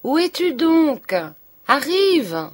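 A woman voicing a cheerful, oblivious provincial husband in an audiobook, exclaiming loudly and heartily. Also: mid-range voice, sing-song, slow pace, heavily acted. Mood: calling out. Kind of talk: audiobook character reading.

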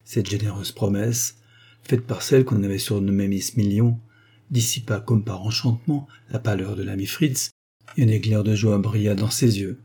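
Mellow husky male audiobook narrator. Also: on the low side, fairly even intonation, normal speed. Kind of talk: scripted narration.

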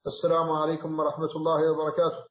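A man from Mauritania, an Islamic scholar, giving a measured explanatory lecture on a classical text, often pausing and correcting himself. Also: fairly high pitch, monotone. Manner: measured, explanatory, with frequent self-corrections and hesitations. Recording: roomy, slightly dull recording.

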